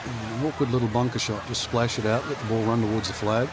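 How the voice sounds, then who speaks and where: A man's voice: medium pitch, steady tone, fast talker, noisy background. A man working as a golf analyst, giving informal, conversational commentary in an anecdotal way.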